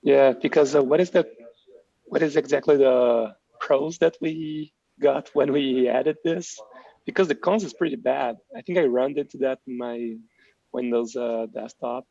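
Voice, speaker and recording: A man with a gravelly, darker voice, speaking haltingly on an online meeting call. The audio is dull and lo-fi, and it sounds dry. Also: medium pitch, steady tone, dark tone, no room sound. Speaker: meeting participant. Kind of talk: casual technical meeting talk.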